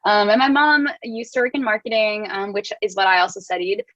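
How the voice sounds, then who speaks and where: A woman's voice: medium pitch, fairly quick, a bit bright, no room sound, dull audio. A young woman from New Jersey, a guest author talking casually in an interview, full of "like" and "um". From New Jersey, USA. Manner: chatty, heavy use of "like" and "um".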